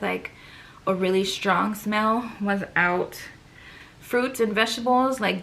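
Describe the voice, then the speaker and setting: Woman, young adult, vlogger, casual chat, breathless, gravelly, sighing, filler words. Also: mid-range voice, a bit bright. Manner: chatty, many fillers and trailing sighs.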